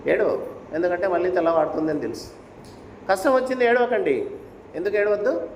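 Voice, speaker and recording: In an echoey hall with faint ambience and slight background noise, a spiritual speaker gives a devotional discourse and recounts a sacred story, pressing listeners with rhetorical questions. His voice is high-pitched and a little fast.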